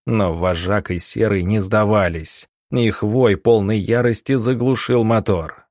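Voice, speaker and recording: Man narrating an adventure story, low dry voice. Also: measured pace, a little mellow, no echo. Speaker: audiobook narrator. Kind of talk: scripted narration.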